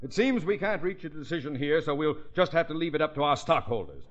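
An overbearing company boss in an old radio comedy. The voice is fairly high and animated, full of irritable sarcasm and pomp. It comes through a muffled vintage recording. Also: male voice, fast talker. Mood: exasperated. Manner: pompous, bullying, sarcastic. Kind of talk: 1950s radio comedy acting.

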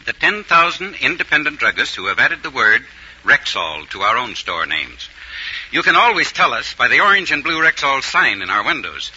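A man gives an earnest, reassuring sales pitch for an old radio show, with a sharp, bright but husky voice. His pitch rises and falls with a lot of movement. The sound is dull and lo-fi, like a vintage radio broadcast. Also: big pitch swings, moderate pace. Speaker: commercial spokesman. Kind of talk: scripted commercial read.

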